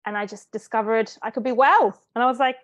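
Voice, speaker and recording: On the high side and steady in tone, the voice of an Italian-raised woman comes through fast in a dry recording. She is a life coach and interview guest, telling her story earnestly and reflectively.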